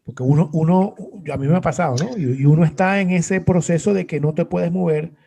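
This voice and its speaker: A man with a husky, mellow voice on a casual podcast. He listens closely, throws in short replies, and asks his co-host follow-up questions. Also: fairly high pitch, brisk. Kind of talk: casual chat.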